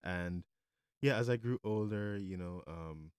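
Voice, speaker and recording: A man from Jamaica, a musician, answering interview questions in a relaxed, thoughtful way with many fillers. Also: sits low, unhurried, clean tone, no echo, studio quality. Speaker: musician guest.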